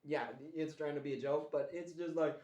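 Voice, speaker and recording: A man's voice: on the high side, steady tone, normal speed, a little mellow. A man casually reviewing a cartoon show in a put-on Australian accent, rambling and restarting his sentences. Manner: rambling with restarts, mock-complaining. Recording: echoey room.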